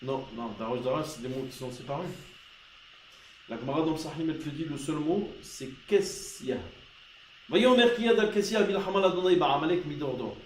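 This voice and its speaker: A man teaching a Torah class in a somewhat high voice, firing rhetorical questions at his students and pressing each point with force. The room sounds roomy, with a faint hiss behind him. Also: normal speed. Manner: rhetorical questions, grows loud and emphatic.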